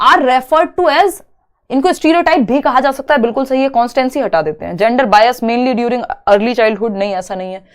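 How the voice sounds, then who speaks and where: Woman teaching an exam-prep lecture. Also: a little high. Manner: explains step by step, asks and answers her own questions; reads English questions slowly, then explains in Hindi.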